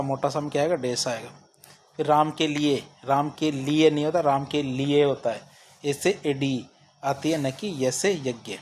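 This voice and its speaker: A man teaches spelling for exams in a slightly raised voice. He asks each question aloud and answers it himself, over and over. Faint noise hums behind him. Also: a little high. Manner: drills with repeated question-and-answer. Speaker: Hindi exam tutor. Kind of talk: spoken spelling lesson.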